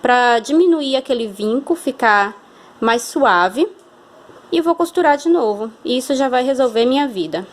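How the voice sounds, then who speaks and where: In this hands-on sewing tutorial, an animated Brazilian woman with a somewhat high voice speaks at normal speed. Her Brazilian Portuguese accent comes through as she patiently explains each step and frequently checks on the viewer.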